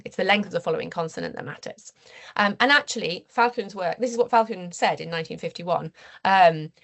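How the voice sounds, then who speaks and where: An English woman lecturing at a university seminar, measured and careful, with frequent fillers and restarts. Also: fairly low pitch, gravelly. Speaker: university researcher giving a seminar talk. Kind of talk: academic lecture.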